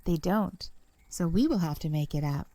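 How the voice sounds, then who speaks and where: Eager bouncy girl, read by a woman narrator in a mellow, fairly low voice, dry sound. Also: normal speed, no echo, close to an everyday voice. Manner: excited whisper.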